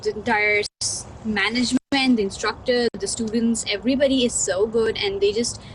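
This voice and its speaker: Brief: woman from Pakistan, student testimonial, eager, slightly high, mic a bit far off. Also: fairly even intonation, moderate pace, noisy background. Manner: effusive, enthusiastic. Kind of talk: testimonial interview. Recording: distant mic with faint ambience.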